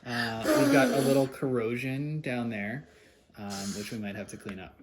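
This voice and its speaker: With a medium-pitched voice, fairly even intonation, and normal speed, a man patiently guides a child through a hands-on task, asking questions as he goes. He's a parent presenting a homemade take-apart video for kids, and the audio has clear background noise and handling clicks.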